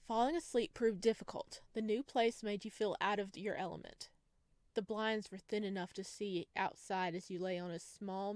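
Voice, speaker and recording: Recorded with no echo, a woman of medium pitch streams a let's play of a visual novel. She reads the narration out loud, reacts to what happens, and keeps up a stream of chatty, casual commentary.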